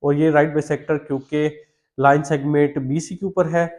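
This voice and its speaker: A man's voice: on the high side, little pitch movement, normal speed, darkish tone. A man with a Pakistani Urdu accent, teaching maths and patiently repeating each step of a solution.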